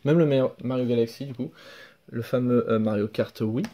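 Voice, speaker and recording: A young man casually showing off his flea-market finds in a home vlog, relaxed and hesitant, full of fillers and self-corrections. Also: medium pitch, moderate pace, a little hiss or hum. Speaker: video game collector vlogger. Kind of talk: casual show-and-tell vlog. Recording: faint background music.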